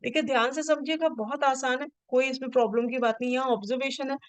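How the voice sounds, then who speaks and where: A woman's voice: high voice, steady tone, fast, no echo. A woman teaches in a patient, step-by-step way, stopping often to check that her listeners follow. Her delivery is plain classroom explanation. The recording is dry and close, with no room sound. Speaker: special education teacher. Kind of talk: explaining an assessment form to students.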